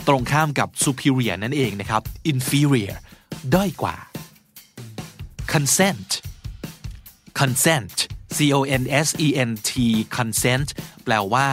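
A podcast host teaches English vocabulary in a medium-pitched, slightly bright male voice, patiently explaining each word and spelling it out letter by letter.

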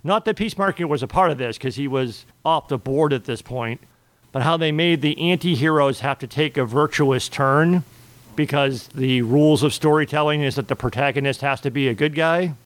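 A man's voice: on the high side, moderate pace, no room sound. A man co-hosting a podcast, chatting casually and emphatically about a TV series. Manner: emphatic, restarts mid-sentence. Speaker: podcast co-host. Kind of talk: casual discussion.

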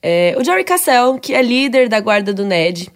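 Mulher com sotaque brasileiro, coapresentadora de um podcast, conversando de forma descontraída, com gírias e imitando personagens ao recontar cenas. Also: female voice, a little high, very animated. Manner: jokey, slangy, retells scenes in quick quoted voices. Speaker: podcast co-host. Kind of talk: casual chat about a book.

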